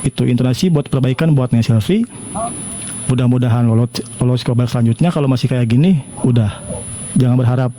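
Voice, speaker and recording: A man's voice: medium pitch, fairly quick, warm tone, slight background noise, poor audio. A man judging vocals in a singing contest, blunt, repeating his points for emphasis. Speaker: vocal judge. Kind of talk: critique in an online singing contest.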